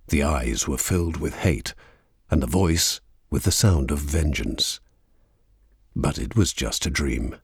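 A man giving measured, dramatic audiobook narration. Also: rumbling low, vocal fry, breathy edge, dry recording, studio quality.

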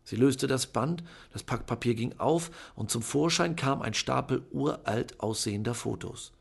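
A man reads a children's novel aloud in a measured, even storytelling manner. His voice sits at a middle pitch with a gravelly, husky texture. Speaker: audiobook narrator. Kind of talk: scripted narration.

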